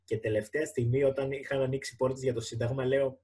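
A Greek stand-up comedian co-hosting a casual podcast, telling a self-mocking story and acting out the dialogue. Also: male voice, medium pitch, flat delivery, mellow. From Greece. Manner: self-mocking, acts out both sides of a dialogue. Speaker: podcast co-host. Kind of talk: casual banter among comedians.

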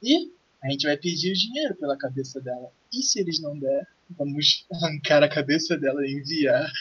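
A man with a Brazilian accent voicing a brash, ruthless, husky pirate schemer in an improvised tabletop game. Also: fairly high pitch, animated, fairly quick, fairly bright tone. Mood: conspiratorial. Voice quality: husky, raspy. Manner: crude, conspiratorial. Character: brash, ruthless male pirate plotting a kidnapping. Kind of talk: improvised tabletop role-play. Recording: dull, lo-fi voice recording.

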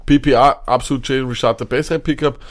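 A man's voice: mid-range voice, fairly even intonation. A man co-hosting a casual fantasy football podcast, emphatic and often repeating himself. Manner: rapid, emphatic, repeats words. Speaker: podcast co-host.

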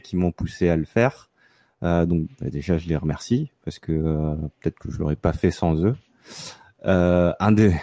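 A man, hosting a casual podcast chat and talking in a relaxed way with many fillers and restarts. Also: low-pitched, no echo, studio quality. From France, near Marseille. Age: 30s. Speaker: podcast host.

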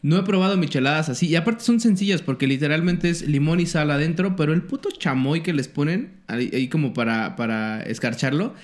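A man's voice: fairly high pitch, fairly quick, few pauses. A man with a Mexican Spanish accent, co-hosting a gaming podcast in chatty, profane banter. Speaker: podcast co-host. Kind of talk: crude casual banter.

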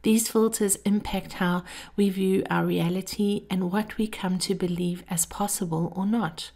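A woman podcast host giving a scripted motivational monologue in an intimate, measured way, her breathy voice often dropping toward a whisper. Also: medium pitch, fairly even intonation, warm tone.

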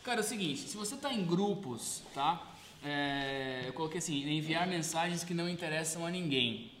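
A man's voice: on the high side, expressive, normal speed, fairly bright tone. A man co-hosting a casual podcast, laid-back and slangy, full of fillers. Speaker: podcast co-host. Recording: roomy echo with faint background hum.

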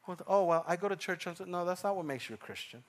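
A pastor in his thirties from Ecuador preaching a sermon, swinging from hushed asides to loud emphatic lines and repeating phrases for weight. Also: sits high, expressive, fast talker.

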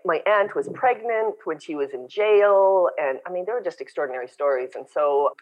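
A woman raised in Canada, a podcast guest and company founder, chatting and telling lively stories over a remote call. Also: on the low side, normal speed, highs cut off. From born in South Africa, raised in Canada. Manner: chatty, storytelling, animated. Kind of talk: casual interview chat. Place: home in Brazil, remote call.

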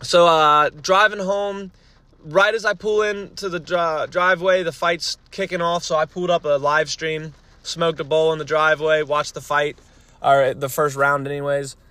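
A man with a slightly high voice hosts a loose, rambling solo podcast in an informal way. He talks into a phone in a parked car, so the sound is close and dry, with rain on the car. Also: fairly even intonation, normal speed, sharp tone, no echo. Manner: rambling, informal, mildly profane. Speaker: podcast host. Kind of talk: casual solo podcast chat. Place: inside a parked car on a rainy day. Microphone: phone microphone. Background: rain hitting the car roof.

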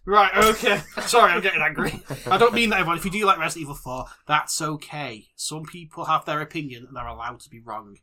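A man's voice: a little high, quick pace, hardly any pauses, sharp tone, low-quality recording. A man hosting a podcast, mock-ranting in casual banter and swearing freely. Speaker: podcast host.

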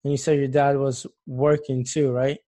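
A man's voice: medium pitch, level tone, normal speed, warm tone. A man interviewing a guest and drawing her out with short, prompting questions. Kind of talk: personal interview.

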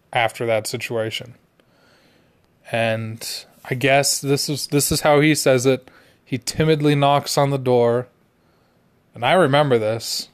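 Slow, laid-back young man telling a story. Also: mid-range voice. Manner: laid-back, rambling, full of "like". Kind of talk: personal storytelling.

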